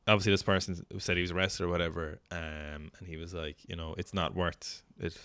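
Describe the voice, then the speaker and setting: A young Irish man in his twenties with a low, deep voice, heard in a dry, close recording. He talks reflectively on a podcast, hesitating often and filling gaps with ums. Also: steady tone, fast, pushed and bright, clear, resonant tone, no room sound. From Ireland. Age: 20s. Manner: hesitant, reflective, many fillers. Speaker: podcast co-host. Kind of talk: casual podcast chat.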